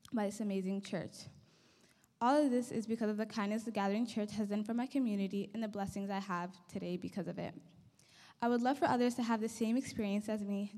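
A woman's voice: medium pitch, a little mellow. A young woman from Somalia giving an earnest, grateful prepared speech into a handheld mic as a guest speaker in a church hall. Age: young adult. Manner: earnest and grateful, reading from notes. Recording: long hall reverb.

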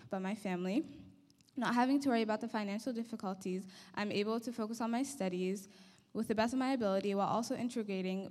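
A woman's voice: medium pitch, darkish tone. A young woman from Somalia giving an earnest, grateful prepared speech into a handheld mic as a guest speaker in a church hall. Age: young adult. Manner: earnest and grateful, reading from notes. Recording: long hall reverb.

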